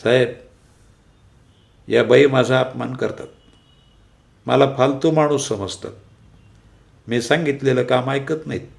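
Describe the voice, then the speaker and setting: A man's voice: mid-range voice, a little slow, creaky, pauses often. A man voicing a timid male office boss who complains in an aggrieved, whining tone, read aloud in a story. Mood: complaining.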